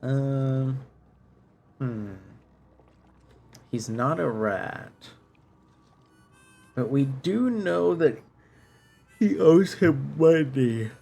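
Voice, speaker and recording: Man, let's play host, casual musing commentary, vocal fry, unhurried, faint background music. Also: mid-range voice, warm tone. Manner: musing, thinking aloud.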